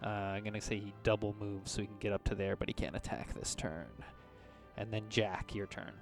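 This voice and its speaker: Man game master, halting improvised narration. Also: fairly low pitch, fairly even intonation, vocal fry, soft background music. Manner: hesitant, halting improvisation with vivid description. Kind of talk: improvised narration of tabletop combat.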